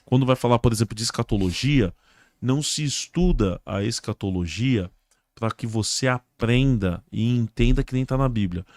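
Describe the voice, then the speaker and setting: Animated Brazilian pastor, dry close sound. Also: male voice, mid-range voice, moderate pace, dry recording. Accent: Brazilian Portuguese. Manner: animated storyteller, acts out dialogue in a raised voice. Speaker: pastor and podcast guest. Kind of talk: casual religious podcast conversation.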